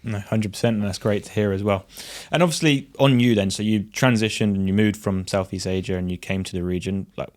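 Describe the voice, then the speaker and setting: Deep-voiced podcast host, rambling questions. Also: male voice, fairly quick, hardly any pauses, darkish tone. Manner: long, rambling multi-part questions. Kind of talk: interview questions, casual.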